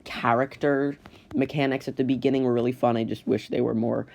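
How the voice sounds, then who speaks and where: Rambling man recorded on a rough phone mic. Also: medium pitch, little pitch movement, darkish tone. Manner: rambling, halting, frequently rephrasing himself. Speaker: host. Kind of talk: casual tier list commentary. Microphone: phone's built-in microphone. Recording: rough amateur phone microphone with automatic audio.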